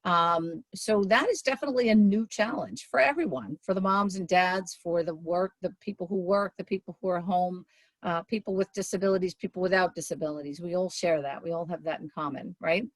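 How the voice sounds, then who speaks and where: A woman giving a conversational presentation to a community meeting over a video call, often checking in with "right?" and filling pauses with "um". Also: lowish voice, no room sound. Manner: chatty, tags points with "right?" and fills with "um".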